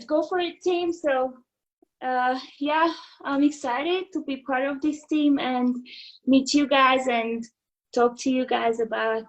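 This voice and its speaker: A woman from Hungary, a fitness instructor in her thirties, speaking over a video call in an unhurried way with many fillers and restarts. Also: on the high side, muffled recording. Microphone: video call microphone.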